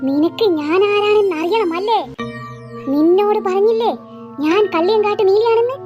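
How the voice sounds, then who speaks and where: A slow, menacing cartoon ghost girl. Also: highs cut off, over music. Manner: slow, low, threatening taunts. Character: menacing female ghost who drinks blood. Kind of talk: cartoon voice acting.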